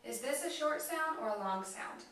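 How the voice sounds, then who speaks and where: A woman working as a speech therapist, talking slowly and encouragingly to a child in exaggerated, simple phrases. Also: high voice, lively intonation, noisy background. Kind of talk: child-directed therapy demonstration. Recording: echoey room, mic far off.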